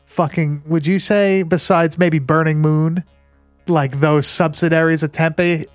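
A man's voice: a little high, fairly even intonation, a little slow, no echo, faint music behind. A man chatting casually as a podcast co-host, emphatic and repetitive, with lots of slang and swearing. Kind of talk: casual chat about horror movies.

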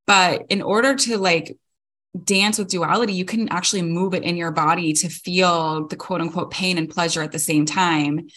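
Earnest mom co-host, lowish voice. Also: female voice, a bit bright. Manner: earnest, reflective, many fillers. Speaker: podcast co-host. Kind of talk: casual chat.

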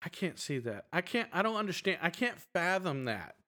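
This middle-aged podcast co-host has a strong, high voice at normal speed. He chats casually, telling stories in an animated way with lots of fillers.

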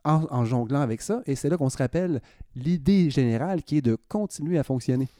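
Playful Quebec French columnist, mellow voice. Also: male voice, medium pitch, expressive, a little fast, no room sound, clean studio sound. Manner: playful, ironic, wandering asides. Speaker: podcast columnist. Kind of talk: casual chronicle chat.

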